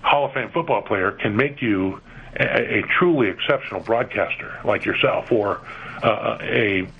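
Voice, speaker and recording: A middle-aged man from California, a guest on a radio interview, who talks in a halting way with many repeated words and fillers. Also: fairly low pitch, breathy edge. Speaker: interview guest, museum executive. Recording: dull lo-fi radio broadcast with faint noise.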